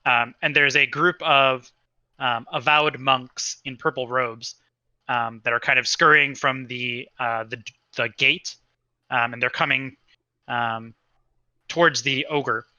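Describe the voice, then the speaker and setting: A man's voice: medium pitch, fairly even intonation, slow, bright, forceful tone, no echo, dull audio. A man narrating a tabletop game as game master, in a casual, rambling way with lots of fillers.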